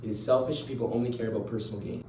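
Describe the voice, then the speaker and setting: A man's voice: mid-range voice, fairly even intonation, very fast, dark tone, close to an everyday voice. A teen boy playing a blunt philosopher. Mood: earnest. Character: male philosopher Thomas Hobbes, stern and blunt. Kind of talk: school role-play interview. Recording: roomy, distant mic, faint noise.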